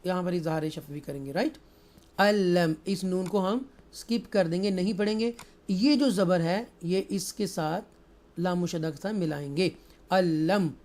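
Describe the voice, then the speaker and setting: A man teaching Quran recitation rules, switching between slow, drawn-out chanted recitation and quick spoken explanations. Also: sits high, darkish tone. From Pakistan. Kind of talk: tajweed lesson, recitation with explanation.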